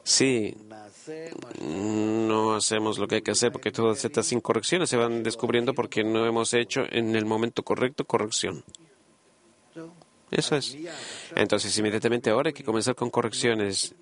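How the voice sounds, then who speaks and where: A man giving a Spanish voice-over of a conversation, earnest and halting, with many pauses and fillers. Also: lowish voice, steady tone.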